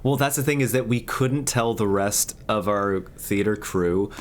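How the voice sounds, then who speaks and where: A man's voice: lowish voice, measured pace, a little hiss or hum. A man, a guest on a podcast, telling a story casually, rambling with many filler words.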